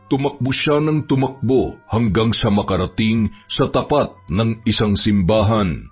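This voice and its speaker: Husky, low-voiced male horror storyteller. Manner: steady, measured reading. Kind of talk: scripted horror story narration. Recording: dull lo-fi with background music.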